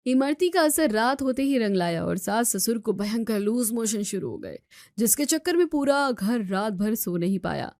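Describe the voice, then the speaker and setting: Woman story narrator, high voice, dry close audio, even telling. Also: normal speed, no room sound.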